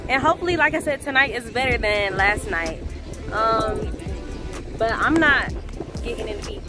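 A woman's voice: a little high, lively intonation, normal speed, over music. An American woman in her twenties chatting casually to a handheld camera outdoors at the beach. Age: 20s. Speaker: vlogger. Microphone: handheld camera at arm's length.

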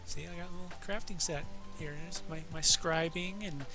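A man's voice: a little high, fairly even intonation, normal speed, sharp tone. A man hosting a guided video game tour in casual, improvised commentary, with playful, joking, self-deprecating asides. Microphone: desk microphone, voice-over on game footage. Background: game music.

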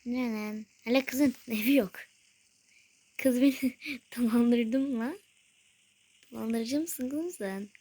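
A woman's voice: on the high side, slow pace, long pauses, warm tone, breathy edge. A woman giving casual gameplay commentary, talking to herself and often slipping into a whisper. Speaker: gaming video creator.

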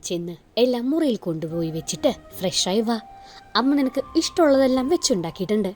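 A woman's voice: a little high, big pitch swings, quick pace, darkish tone, soft background music. Storybook dad: a woman plays a soothing, doting middle-aged father. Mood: tender. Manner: soothing, coaxing. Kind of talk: audio storybook narration.

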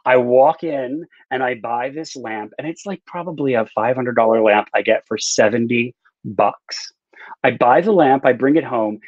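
A middle-aged male novelist, appearing as an interview guest, casually tells personal stories on a video call and often restarts his sentences midway. His medium-pitched voice moves at a moderate pace with no echo. He sits indoors in a home room lined with bookshelves, using earbuds rather than a visible microphone, and the webcam call audio sounds slightly dull.

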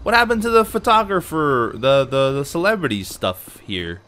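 This let's play host has a little high voice and talks at normal speed, sounding a bit nasal because of a cold. He chats casually and excitably to viewers while he plays a video game.

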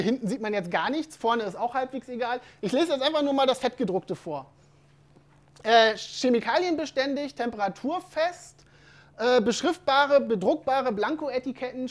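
A woman giving an informal live presentation and speaking directly to her audience. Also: fairly high pitch. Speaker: conference speaker.

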